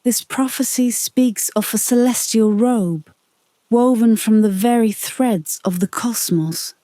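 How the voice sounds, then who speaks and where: A woman voicing an ancient, grave royal astronomer in a storybook, with measured, solemn delivery. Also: a little high, warm tone, no room sound.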